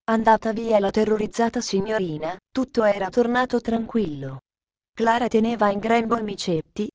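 A woman narrating a children's storybook in a steady, clear reading voice. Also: medium pitch, no echo.

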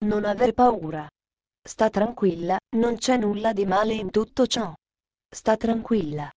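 A woman voicing a kindly male doctor who speaks gently and calmly, in a storybook reading. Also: medium pitch, no echo, muffled recording, close to an everyday voice. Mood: gentle. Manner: gentle, soothing, unhurried.

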